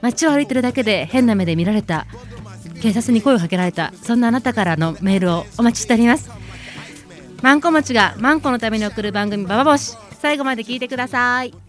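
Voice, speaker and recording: A woman's voice: a little high, lively intonation, quick pace. Outspoken sarcastic woman radio host. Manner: sarcastic, outspoken, fiery rants. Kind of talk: casual talk radio commentary. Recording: faint music underneath.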